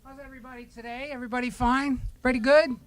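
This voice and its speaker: During a church service, a man leads children's time, asking simple questions, repeating the answers and reading short pieces aloud. He talks rapid-fire in an extremely high voice with little pitch movement.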